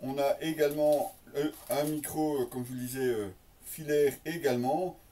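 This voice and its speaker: The mic sits a bit far from this mellow-voiced reviewer, a native French speaker presenting motorcycle gear he's unboxing, with some hiss or hum audible. His pitch leans high and his intonation stays fairly even, while his unscripted remarks come in hesitant bits punctuated by stretched-out "euhs."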